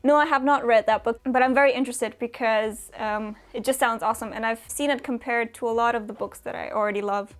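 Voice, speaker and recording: A woman's voice: a little high, steady tone, fairly quick, hardly any pauses, faint music behind. A young woman from Romania chatting casually as a booktuber answering viewer questions, with lots of fillers and small laughs. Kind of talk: casual chat.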